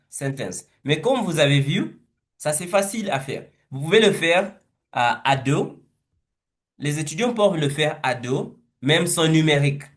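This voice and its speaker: A man leading a teaching webinar, thinking aloud slowly and hesitantly as he walks through a word game. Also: mid-range voice. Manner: slow, hesitant, thinking aloud with repeated words.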